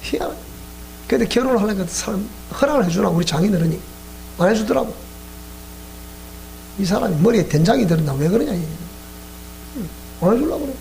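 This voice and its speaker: A man with a Gyeongsang accent preaches a sermon lecture. His voice sits rather high and swings widely as he tells stories and quizzes his listeners. A faint hum stays behind him. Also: creaky. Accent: Gyeongsang Korean. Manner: animated storytelling, questioning the audience. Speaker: pastor. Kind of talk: sermon lecture at a Bible school.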